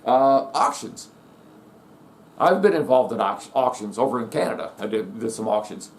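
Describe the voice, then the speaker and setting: A man's voice: mid-range voice, expressive, normal speed. A middle-aged man from the United States delivering a blunt, emphatic rant, repeatedly asking "okay?" and "guess what?". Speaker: vlogger. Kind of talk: ranting monologue.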